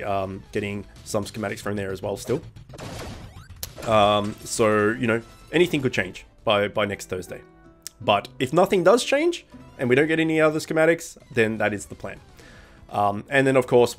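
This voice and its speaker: A young gaming channel host with a blocked nose from a cold rambles through casual gameplay commentary in a voice on the low side. He says "um" a lot and keeps correcting himself, with faint music playing underneath.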